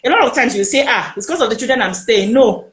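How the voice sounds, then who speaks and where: A woman with a Nigerian accent recounts her own story as an interview guest. Her voice sits fairly high, and she tells it with lively emphasis, slipping into the voices of the people she quotes. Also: fast, roomy sound. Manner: animated, emphatic retelling that acts out quoted speech.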